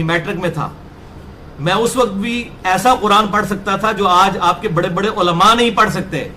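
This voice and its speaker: A middle-aged man with a high-pitched voice argues in a combative, boastful tone. He stretches into slow, drawn-out chanted recitation between his points. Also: sharp tone, slight background noise. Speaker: religious speaker answering critics. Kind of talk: polemical talk with Quran recitation.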